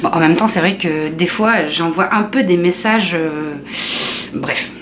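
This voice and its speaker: A woman's voice: on the low side, normal speed, background noise. Chatty, teasing woman comedian. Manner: chatty, direct address, teasing. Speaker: comedian vlogger. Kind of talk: comedic monologue to camera.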